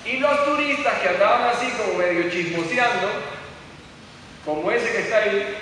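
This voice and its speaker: A middle-aged man gives a motivational seminar talk, telling stories and firing rhetorical questions at his audience in a high, bright, forceful voice at a moderate pace. He's captured from far off in an echoey hall, with slight background noise.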